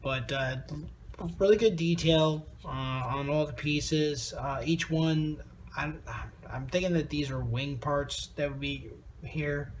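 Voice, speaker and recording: A man's voice: a little high, takes it slowly. Tired guy rambling thru a model kit review, lotsa uhs, bit of background hiss. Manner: rambling, lots of ums and uhs. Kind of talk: casual unscripted kit review.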